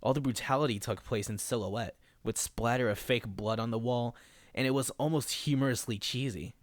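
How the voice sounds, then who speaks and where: A man's voice: medium pitch, normal speed, no room sound. A man narrating a first-person horror story in a dry, sarcastic way. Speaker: creepypasta narrator.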